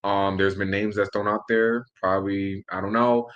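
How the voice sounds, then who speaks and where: A man's voice: on the low side, little pitch movement, normal speed, fairly bright tone, smooth, muffled recording. A man from upstate New York interviewing a guest in a casual, conversational style. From Albany, New York, also Brooklyn and Long Island.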